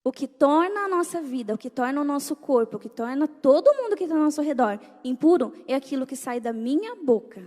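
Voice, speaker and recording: High, mellow-voiced woman preaching in a hall. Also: fairly quick, hardly any pauses. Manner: animated, rhetorical questions to the audience. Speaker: speaker at a church gathering.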